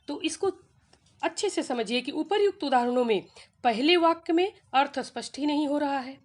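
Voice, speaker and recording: High-voiced woman teaching Hindi grammar. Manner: slow, deliberate explaining with examples. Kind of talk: grammar lesson for school students.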